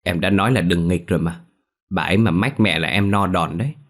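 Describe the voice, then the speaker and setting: A man's voice: sits low, a little fast. A man voicing a frightened, tearful village girl who complains to the others. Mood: reproachful.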